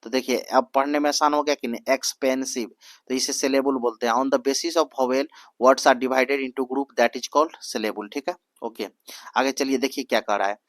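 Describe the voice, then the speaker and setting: A young man teaches an exam-prep lesson. He repeats each answer several times, asks "what is it called?" after each one, and reads English prompts slowly word by word. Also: mid-range voice, fairly even intonation, a bit bright, no room sound.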